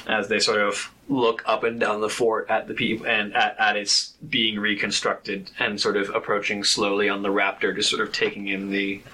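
A man runs a tabletop game as game master, improvising scene descriptions in halting pieces. His voice is lowish, husky and very sharp-edged. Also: little pitch movement, poor audio. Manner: halting, piecing descriptions together.

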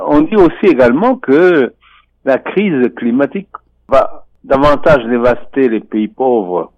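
A man commenting on finance and economics over a telephone line on a radio show, speaking in a measured, deliberate way with frequent hesitations. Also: mid-range voice, dry recording. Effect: voice heard over a telephone line. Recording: muffled phone line, dry.

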